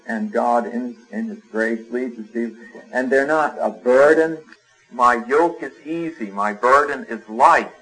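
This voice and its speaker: A man's voice: mid-range voice, fairly bright tone, low-quality recording. Male preacher, conversational sermon. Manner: conversational preaching with fillers and homely examples.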